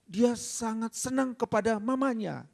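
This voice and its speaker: Guy doing a high whiny young wife, pleading, voice jumps way up. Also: unhurried, creaky, a little mellow, heavily acted. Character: young wife pleading to divorce her husband.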